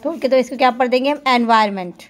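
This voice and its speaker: A woman's voice: on the high side, quick pace. A woman teaching a phonics lesson to children, spelling out letters and then sounding out each word.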